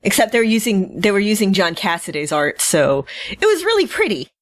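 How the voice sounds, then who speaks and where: A woman co-hosting a podcast chats casually, very animated and fairly quick, with a medium-pitched voice. The recording is dry.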